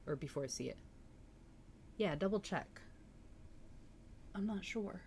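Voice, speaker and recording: She hosts a book-reading livestream, chatting with enthusiasm and answering viewers' comments along the way. Her mid-range voice has lively intonation, a slightly slow pace, and a little mellowness, with a faint hiss or hum.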